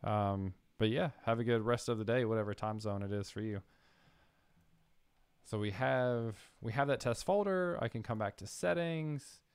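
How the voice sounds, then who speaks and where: Excitable man live-coding with a guest. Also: mid-range voice, clear, resonant tone, dry recording, clean studio sound. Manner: enthusiastic, thinks aloud with fillers. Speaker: host of a coding live stream. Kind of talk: casual live-coding chat.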